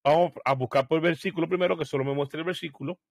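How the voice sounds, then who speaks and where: Man giving a relaxed screen-share tutorial. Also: a little high, quick pace, vocal fry, dry recording. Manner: explains step by step, thinking aloud with fillers. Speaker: software tutorial presenter.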